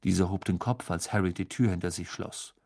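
Ein Mann liest ein Hörbuch ausdrucksvoll und dramatisch vor. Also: male voice, sits low, a little fast, creaky, no room sound, clean studio sound. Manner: expressive, dramatic storytelling. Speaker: audiobook narrator. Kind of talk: scripted audiobook narration.

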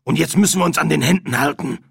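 A man's voice: fairly high pitch, fast, creaky, breathy edge, dry recording, clean studio sound, pitched above the performer's own voice, heavily acted. A man voicing a stern, bossy older female medium who gives curt orders. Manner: curt, commanding.

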